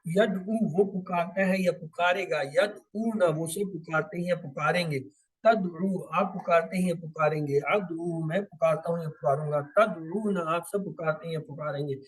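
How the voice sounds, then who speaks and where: A man teaching Arabic grammar for the Quran, who explains step by step, asks and answers his own questions and repeats drill words slowly. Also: fairly high pitch, breathy edge, low-quality recording. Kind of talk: grammar lesson.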